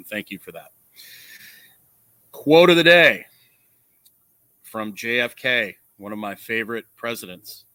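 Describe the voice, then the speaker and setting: A man wearing a nasal strip hosts a casual livestream, talking earnestly and explaining his views, often checking in with a quick "right?" or "okay?". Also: fairly low pitch, bright, forceful tone, dry recording. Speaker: livestream host, coach. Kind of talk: casual livestream monologue, opinion talk. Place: outdoors.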